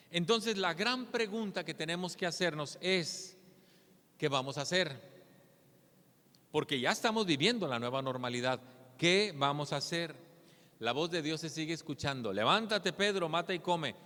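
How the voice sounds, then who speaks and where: A man's voice: fairly high pitch, a bit bright, long reverb tail. A man preaching a sermon as a pastor. He speaks earnestly and keeps asking rhetorical questions. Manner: earnest, asks rhetorical questions with a tag "¿verdad?".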